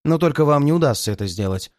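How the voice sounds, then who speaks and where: A cocky young detective who jokes and needles the villain even while tied up, as a male reader plays him. His voice rides a little high and lively in a dry, close recording. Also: fast talker, dry recording, close to an everyday voice. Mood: accusing. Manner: sarcastic, laughing.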